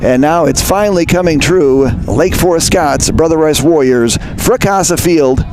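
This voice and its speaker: A man doing live play-by-play commentary for a high school lacrosse game, chatty and conversational, often correcting himself. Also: measured pace, darkish tone, slight background noise. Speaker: play-by-play announcer. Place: outdoor high school field.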